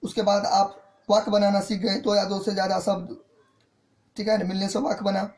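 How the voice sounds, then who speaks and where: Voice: medium pitch, level tone, moderate pace, darkish tone. A teacher giving an online grammar lesson, explaining step by step, repeating points and often checking in with the students. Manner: mixes in English terms.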